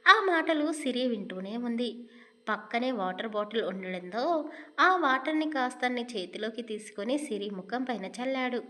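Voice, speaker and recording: A woman storyteller giving a scripted, expressive narration of a romance audio story. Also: fairly high pitch, moderate pace. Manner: expressive, melodramatic romance reading.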